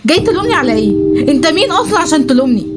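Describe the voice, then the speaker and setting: A woman with an Egyptian accent voicing an outraged middle-aged mother who scolds fast. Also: sing-song. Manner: scolding, high-pitched and fast. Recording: voice over loud background music.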